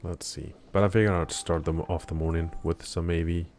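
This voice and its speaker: On a morning game live-stream, a man chats casually with viewers, rambling and hesitant, full of fillers and restarts, and still a bit sleepy. His voice is deep, steady, and a little mellow, at normal speed, with slight background noise.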